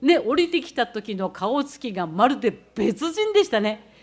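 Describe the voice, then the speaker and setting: A woman from the Tohoku region gives a talk, explaining practical techniques one step at a time as she demonstrates. Her voice sits a little high for a woman, and her delivery stays explanatory and methodical. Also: very animated, normal speed. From Tohoku, Japan. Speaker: speaker recounting leading a student climb.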